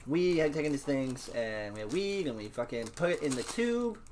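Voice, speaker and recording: A young man in casual podcast chat, telling stories in an animated, swearing, trailing-off way. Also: mid-range voice, normal speed, background noise.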